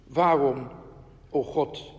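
A desperate man cries out to God in loud, pleading bursts, as a man reads his words aloud. The voice sits a little high. It rings with the long echo of a large hall. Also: moderate pace, lightly acted. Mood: anguished pleading.

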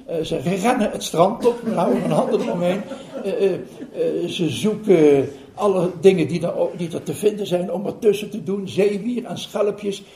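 In a roomy hall, an older man from the Netherlands, a meditation teacher, recounts a story to listeners. His voice is high-pitched and warm, and he chuckles and pauses with fillers along the way.

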